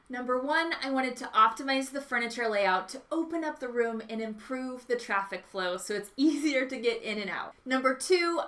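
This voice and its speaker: A woman's voice: sits high, a bit bright. A woman hosting a home makeover vlog with upbeat, enthusiastic, gushing DIY narration.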